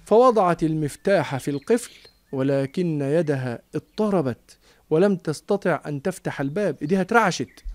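A man's voice: fairly high pitch, expressive, a little fast, no room sound. A man reading a storybook aloud to a child, explaining hard words in everyday speech.

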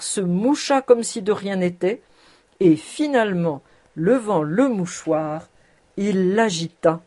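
A woman reading a classic novel aloud in scripted narration, measured and expressive. Her voice is mellow and warm, at an ordinary middle pitch. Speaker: audiobook narrator.

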